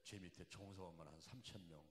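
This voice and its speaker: A man preaching a testimony in a church hall, his lowish voice ringing off the walls with a long, roomy echo. He tells the story plainly and then swells into loud, emotional outbursts. A faint hum of the room sits behind him. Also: brisk. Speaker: pastor. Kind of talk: sermon testimony. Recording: echoey hall.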